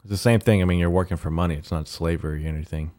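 A man with a raspy morning voice hosting a casual solo podcast, rambling haltingly with profane, slangy bro-talk. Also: sits low, fairly even intonation, warm tone. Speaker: podcast host.

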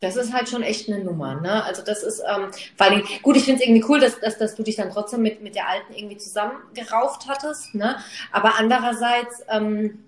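A woman's voice: on the high side, fairly quick. A woman podcast co-host chatting casually, mostly reacting to her partner with short remarks and questions. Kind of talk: casual chat. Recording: echoey room.

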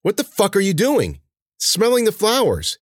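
Man putting on a tough young woman, snappy and bossy, lively voice, dry sound. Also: high-pitched, moderate pace, no room sound, pitched above the performer's own voice, exaggerated voice. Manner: sharp, bossy, swearing. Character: tough, foul-mouthed young woman farm worker.

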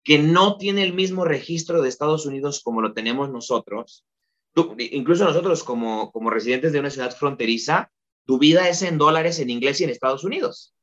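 A Mexican man chatting as a podcast guest, a lively storyteller who often uses fillers like "este". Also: on the high side, fairly quick, highs cut off. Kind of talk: casual interview chat.

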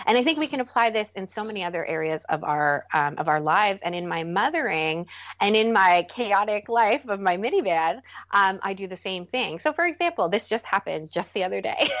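A woman guest on a podcast, talking earnestly about parenting and growing animated when she acts out what she says to her kids. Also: mid-range voice, no room sound, dull audio. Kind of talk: conversational podcast interview.

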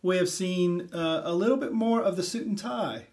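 A man co-hosting a podcast, chatting in a relaxed way and chiming in with short affirmations. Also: sits high, normal speed. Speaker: podcast co-host. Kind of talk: casual chat.

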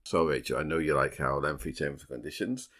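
A man's voice: extremely low pitch, a little fast, a bit bright. A man hosting a true crime podcast, moving between casual banter and storytelling, with a dry, teasing humour. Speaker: podcast host.

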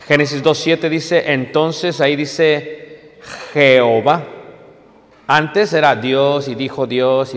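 Guy teaching a class, takes it slow, keeps checking everyone's following, big hall echo. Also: mid-range voice. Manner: explains step by step, checks in with listeners. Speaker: teacher of biblical Hebrew. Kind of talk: classroom lecture. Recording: long hall reverb.

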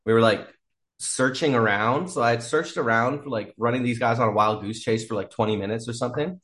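A man with a mid-range, somewhat bright voice talks fairly quickly as a podcast guest. He rambles through a wild story in casual storytelling mode, laughing a lot and swearing freely.

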